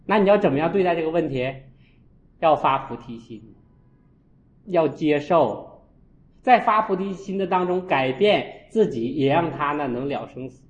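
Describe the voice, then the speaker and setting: A man, a Buddhist monk, giving a storytelling dharma talk and acting out his own scolding with sharp jumps in voice. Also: a little high, lively intonation, moderate pace. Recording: echoey, dull lo-fi room.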